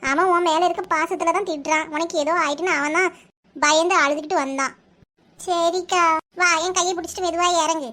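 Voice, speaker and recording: A woman's voice: very high voice, fairly even intonation, a little fast, fairly bright tone. A woman voicing Geetha akka, a blunt, chatty cartoon village woman with a Kanyakumari Tamil accent. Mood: soothing. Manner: blunt, scolding, dialect-heavy. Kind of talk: cartoon voice acting.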